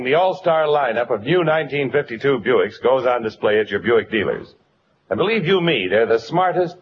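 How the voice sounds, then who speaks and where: Old-recording 1950s radio car pitchman. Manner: upbeat salesman pitch. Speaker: commercial announcer. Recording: dull, faintly hissy old radio recording.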